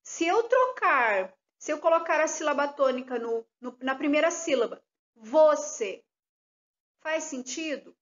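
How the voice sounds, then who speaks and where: A woman's voice: high-pitched, lively intonation, normal speed, few pauses, fairly bright tone, muffled recording. A woman teacher, giving a recorded lesson and explaining each step patiently with questions.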